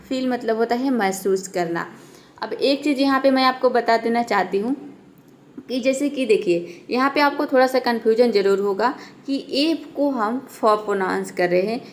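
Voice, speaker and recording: A woman English teacher giving a beginners' pronunciation lesson, explaining patiently step by step and repeating each word slowly. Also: on the high side, a little hiss or hum.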